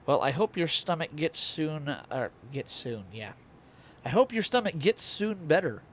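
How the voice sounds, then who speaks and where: Young male streamer, playful, animated up-and-down delivery, slightly high voice, hiccupy. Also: a little slow, a little hiss or hum. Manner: playful, plays with his voice and octaves. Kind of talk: casual live-stream chat.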